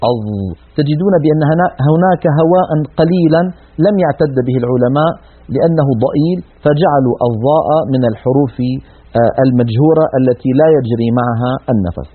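A man teaching Quran recitation, explaining in a measured, didactic way and repeating sample syllables aloud. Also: on the high side, husky. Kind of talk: instructional lesson on letter articulation. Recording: tinny phone-like broadcast audio.

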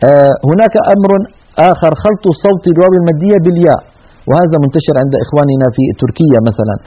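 A man's voice: fairly high pitch, very fast. A man teaching Quran recitation in an earnest tajweed lesson, demonstrating each sound. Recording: tinny narrow-band radio sound.

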